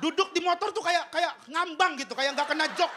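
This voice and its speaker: A man's voice: extremely high pitch, fairly quick, noisy background. A man doing a stand-up comedy routine on a TV stage, telling a story with vocal sound effects. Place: television studio stage with audience.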